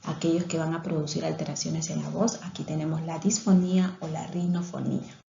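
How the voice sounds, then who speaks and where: A woman's voice: low-pitched, steady tone, fairly quick, gravelly, mellow, roomy sound, highs cut off. A woman giving a recorded lecture on speech therapy, explaining things step by step with some hesitations and restarts.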